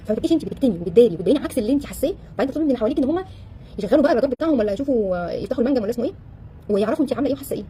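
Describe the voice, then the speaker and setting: Egyptian woman coaching a crowd, talks super fast, kinda high pitch, lots of rhetorical questions. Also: slight background noise. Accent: Egyptian Arabic. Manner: animated, full of rhetorical questions; acts out quoted voices. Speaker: relationship coach. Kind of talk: casual talk to a live audience.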